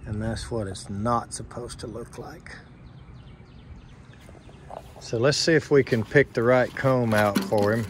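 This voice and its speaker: Recorded on a handheld phone camera with a noisy background, a man with a mid-range voice works as an HVAC technician outside next to air conditioner units. His on-site explanation is plain and unhurried, walking through each point step by step.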